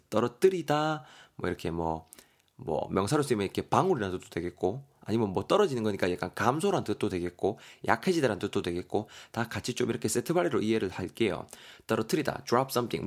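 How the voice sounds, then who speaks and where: A man's voice: lowish voice, sing-song, quick pace. A man teaching English vocabulary on a podcast, friendly, spelling words letter by letter.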